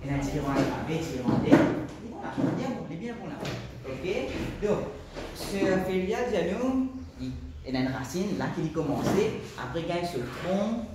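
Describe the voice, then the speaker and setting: A man's voice: on the high side, sing-song, moderate pace, far from the mic, very noisy. Mauritian man teaching in an echoey classroom. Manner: questions students, repeats their answers. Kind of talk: classroom lesson.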